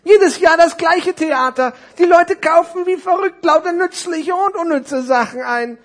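A tired, know-it-all necktie gift from a spoken storybook, with a man doing the voice. The voice is squeaky and high, and it lectures with a clipped impatience. It is read aloud to children. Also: a little slow. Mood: worldly-wise.

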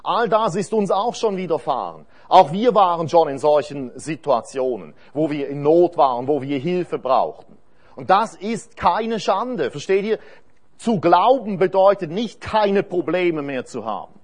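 Male preacher, sermon, earnest and emphatic, slightly high voice, reads scripture aloud. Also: animated, a little slow. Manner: emphatic, repeats phrases for stress.

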